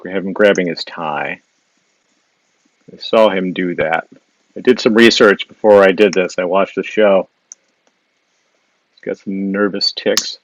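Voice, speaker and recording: A Wisconsin man with a matching accent, an illustrator, talks through a live drawing demo on a social video stream, thinking aloud while he sketches and reading out viewer questions. His voice sits low and steady, a bit slow, with frequent pauses, fillers and restarts. The device mic captures no echo, but the audio is poor.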